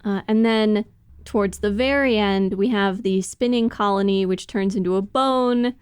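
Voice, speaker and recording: A woman's voice: medium pitch, normal speed, clean tone, no room sound, studio quality. A woman co-hosting a casual podcast discussion, explaining things in detail and laughing often as she talks. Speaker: podcast co-host.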